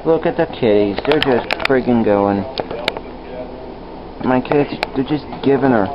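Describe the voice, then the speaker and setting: Guy rambling through his day on old camcorder audio, muffled with steady hiss. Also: mid-range voice, a little slow. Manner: rambling, easygoing, frequent restarts and fillers. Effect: old camcorder audio, dull and hissy. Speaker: vlogger. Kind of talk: casual home video vlog. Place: his house, indoors and out front. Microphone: built-in camcorder mic, handheld. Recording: hissy lo-fi old camcorder sound.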